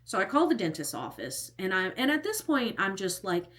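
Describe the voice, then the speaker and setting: Speaking a little fast, a thirtysomething woman vlogger tells a personal story with big swings in her medium-pitched, somewhat bright voice. Her casual, rambling delivery leans heavily on "like," with whispered asides here and there.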